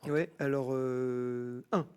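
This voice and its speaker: His words drawn out and his medium-pitched voice smooth, the musician from France narrates his personal faith journey on a TV set. He tells it animatedly, voicing the people he quotes.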